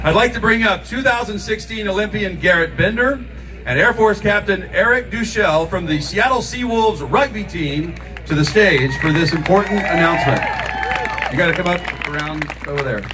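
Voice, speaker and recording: High-voiced man hosting over an outdoor PA. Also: normal speed, sharp tone, distant mic, faint music behind. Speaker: event host at a charity fundraiser. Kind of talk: scripted stage announcements with ad-libs. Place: outdoor event stage. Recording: outdoor PA from afar, noisy crowd, traffic.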